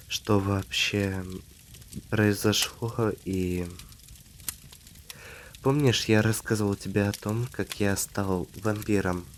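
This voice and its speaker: A man playing a tender, devoted half-vampire husband in a soft ASMR romantic role-play, speaking intimately with hesitant pauses. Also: on the low side, slight background noise. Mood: tender, reflective.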